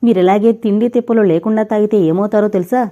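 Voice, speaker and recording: Woman reading tearful pleading young wife, sobbing, warm low-key tone, audio novel. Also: fast talker, dull audio, close to an everyday voice.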